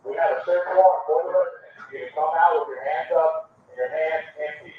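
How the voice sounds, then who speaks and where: Police officer calling through a megaphone. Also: male voice, fairly high pitch, steady tone, slight background noise. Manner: slow, repeated commands. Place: outdoors by a house. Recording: echoey distant lo-fi bodycam audio.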